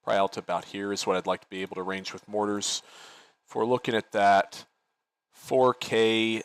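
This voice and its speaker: A man's voice: on the low side, level tone, moderate pace, clean tone, no room sound. A man leading an online military game as commander, giving tactical briefings and talking through plans casually on a headset.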